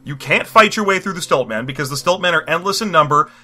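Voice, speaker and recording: Man, podcast co-host, quick-talking, very bright tone, jokey riffing. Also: fairly high pitch, lively intonation. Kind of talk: casual comedic chat.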